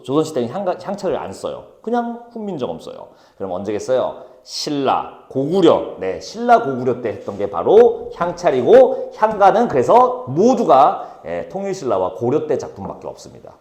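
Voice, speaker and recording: A man teaching a high school Korean class, brisk and teasing, calling on students by name. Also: a little mellow. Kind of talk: classroom lecture. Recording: echoey classroom.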